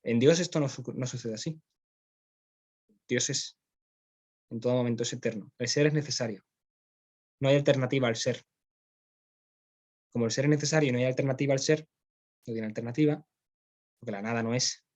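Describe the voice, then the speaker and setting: A man's voice: mid-range voice, brisk, pauses often, darkish tone. A man with a Spanish accent, teaching philosophy in a classroom, explaining step by step and often checking in with his students. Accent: Spain. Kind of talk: classroom lecture.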